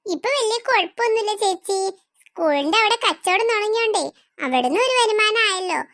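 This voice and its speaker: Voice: extremely high pitch, expressive, fairly quick, dry recording, studio quality, heavily acted. A performer voicing Basanthi, a poor, humble working woman, in a cartoon. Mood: sorrowful. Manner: soft, humble, sorrowful. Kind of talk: cartoon voice acting.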